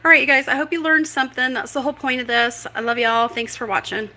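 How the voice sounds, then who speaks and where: A woman's voice: sits high, steady tone, quick pace, sharp tone, rough recording. A woman hosting a casual home cooking livestream in her kitchen, chatty and rambling, poking fun at herself. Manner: chatty, rambling, self-deprecating. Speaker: cooking show host.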